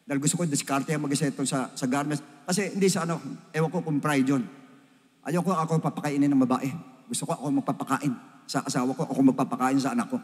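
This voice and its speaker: An older man, a pastor, giving a Father's Day sermon as a story, swinging between loud emphatic peaks and low hushed asides. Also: fairly even intonation, fast talker. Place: church hall. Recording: reverberant church hall.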